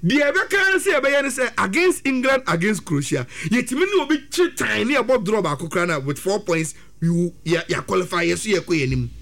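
An excitable man with a Ghanaian accent breaks down a football team's chances, talking fast and climbing into bursts. His voice sits high and swings widely up and down as he works himself up. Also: vocal fry. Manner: excitable, rapid, rising to high-pitched bursts. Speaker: football pundit. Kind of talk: animated sports talk mixing Twi and English.

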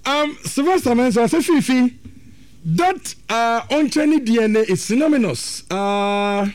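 A man making measured points in a football discussion. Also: extremely high pitch, animated. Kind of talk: sports talk.

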